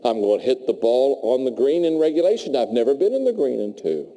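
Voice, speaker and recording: A man's voice: mid-range voice, very animated, fairly quick, warm tone, long reverb tail, voice pushed down, poor audio. A man acting out an overexcited, boastful amateur golfer in a comic story. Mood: eager. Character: overexcited bad male golfer, giddy and boastful.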